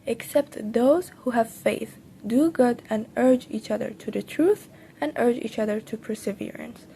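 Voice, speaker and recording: A young woman whose first language is Persian offers casual, upbeat tips on studying the Quran in an instructional vlog. She is chatty, with sudden bright lifts in pitch, and speaks at a measured pace with vocal fry; there's a little hiss or hum in the audio.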